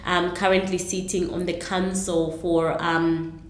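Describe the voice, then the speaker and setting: A woman's voice: fairly low pitch, little pitch movement, measured pace, roomy sound. A middle-aged woman from Zambia, answering interview questions earnestly, with many ums and restarts. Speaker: interview guest, entrepreneur.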